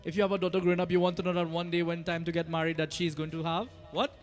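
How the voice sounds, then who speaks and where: High-pitched Trinidadian man preaching. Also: rapid-fire, soft background music. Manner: animated storytelling with rhetorical questions and "eh?" tags. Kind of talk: conversational sermon to devotees.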